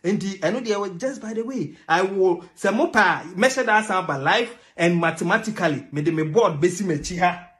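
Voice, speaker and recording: Young ghanaian guy ranting about politics, high bright voice, swings all over, cam mic in a small room. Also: moderate pace, few pauses. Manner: emphatic, mixes English and Twi, laughs mid-rant. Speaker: political commentator. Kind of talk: animated political commentary to camera. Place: small indoor room with a TV behind.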